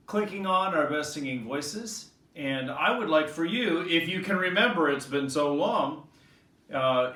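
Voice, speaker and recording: A man teaching an online music lesson to young children, gentle, encouraging and playful. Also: fairly high pitch. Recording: echoey room, voice a bit distant. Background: acoustic guitar.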